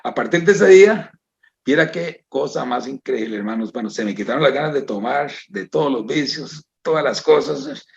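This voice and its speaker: A man with a Costa Rican Spanish accent gives an emotional personal testimony to a church congregation, repeatedly calling out "hermanos" and asking "¿verdad?". His medium-pitched voice is expressive, with vocal fry and a moderate pace, in a muffled recording.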